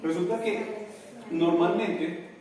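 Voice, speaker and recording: Profesor colombiano animado en un aula con eco. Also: male voice, high-pitched, takes it slowly, a little hiss or hum. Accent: Colombian Spanish. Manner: animated, addresses students with Colombian slang. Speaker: English teacher. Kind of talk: classroom lesson. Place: classroom. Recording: echoey classroom, from far off.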